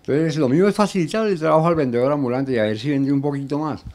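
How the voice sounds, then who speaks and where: A man in his sixties with a Colombian accent, answering casually and colloquially in an interview, often halting and repeating words. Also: fairly high pitch, a little mellow. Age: 60s. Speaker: interviewee, street crier and announcer. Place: small home studio room. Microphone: handheld reporter microphone.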